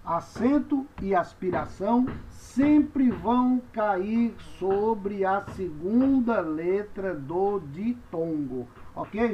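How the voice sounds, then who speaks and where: A man's voice: high-pitched, a little hiss or hum. A man teaching a language lesson, patiently spelling out letters and repeating each word. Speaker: Greek teacher. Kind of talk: classroom lecture. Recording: dull lo-fi recording.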